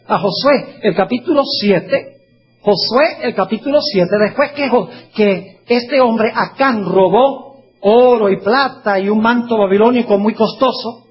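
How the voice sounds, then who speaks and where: A man preaching a sermon, reading scripture slowly and putting questions to his listeners. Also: high-pitched, husky. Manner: asks the audience questions, reads scripture slowly. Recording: dull lo-fi recording.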